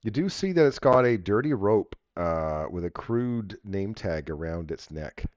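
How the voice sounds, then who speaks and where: Low-voiced man running a tabletop game, muffled audio. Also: expressive, measured pace, a little mellow, no echo. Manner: casual, jokey, swears. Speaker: game master. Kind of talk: narrating and refereeing a tabletop game. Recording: dull lo-fi audio.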